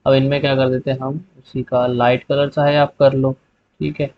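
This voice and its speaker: A man walking viewers through a spreadsheet tutorial step by step in a relaxed way, often pausing to say "okay". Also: medium pitch, no room sound. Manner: relaxed step-by-step explaining, repeating "theek hai" often. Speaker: tutorial host. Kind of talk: screen-recorded software tutorial. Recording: slightly dull lo-fi sound.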